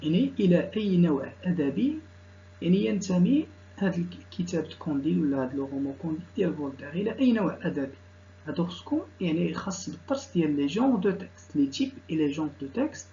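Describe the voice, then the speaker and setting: A man with a Moroccan Arabic accent, a teacher going through exam questions. He reads each question out slowly, then explains it in quick dialect. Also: a little high, expressive, warm tone, dull audio, a little hiss or hum. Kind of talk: exam correction lesson.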